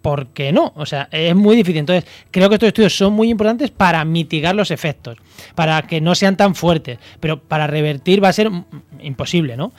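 A man's voice: fairly high pitch, fairly quick, no room sound. A man from La Mancha, a guest expert on a radio program, explaining environmental studies thoughtfully with many hesitations and restarts. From Castilla-La Mancha, Spain.

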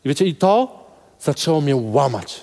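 A man's voice: fairly high pitch, big pitch swings, moderate pace, darkish tone, big-room sound. A male pastor preaching a sermon, telling a personal story in an earnest way and speaking straight to the congregation.

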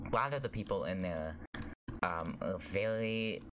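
A man's voice: low-pitched, animated, measured pace, background noise. A teenage boy with a slight lisp, co-hosting a podcast in rambling casual chat and swearing freely. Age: teens. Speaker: podcast co-host.

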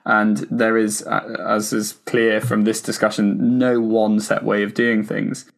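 A man's voice: lowish voice, little pitch movement, unhurried, vocal fry. A man hosting a podcast in a conversational style, tentatively working his way around each point. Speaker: podcast host.

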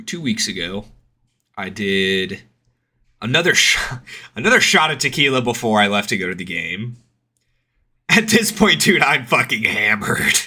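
A man's voice: mid-range voice, pushed and bright. A young man telling party stories in casual, slangy frat-bro talk full of swearing, speaking into a headset. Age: young adult. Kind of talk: casual chat, storytelling.

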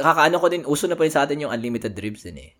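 A man's voice: a little high, big pitch swings, rapid-fire. A man with a Filipino accent chatting casually as a podcast co-host, playful and jokey, laughing often. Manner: playful, jokey, laughs a lot, drops into quiet mumbles. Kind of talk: casual chat.

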